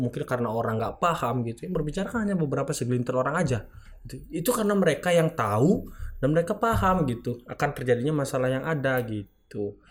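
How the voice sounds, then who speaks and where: Rambling young man. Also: mid-range voice. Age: young adult. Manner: rambling, frequent filler tags. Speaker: student organization leader. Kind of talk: casual interview answers.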